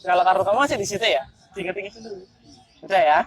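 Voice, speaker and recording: A man's voice: sits high, huge pitch swings, quick pace, gravelly. A young man, performing street magic outdoors in a park and teasing the people he plays with in a chatty, playful way. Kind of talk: casual street performance patter.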